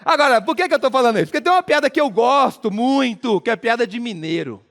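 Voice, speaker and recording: High, gravelly man with a mineiro accent. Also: expressive, fast, a bit bright. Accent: Minas Gerais Brazilian Portuguese. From Minas Gerais, Brazil. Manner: playful, teasing the audience with jokes. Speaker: motivational speaker. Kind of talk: comic stage talk to a live audience.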